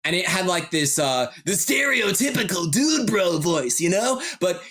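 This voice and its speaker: A game master recaps a tabletop game he ran, chatting in a relaxed podcast style full of fillers and laughter. His voice is high and his pace unhurried.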